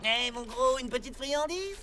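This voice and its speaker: A woman's voice: high-pitched, lively intonation, unhurried, very noisy. Joey, a plucky young boy hero. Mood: bold. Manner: brash, bold. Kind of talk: cartoon dub acting.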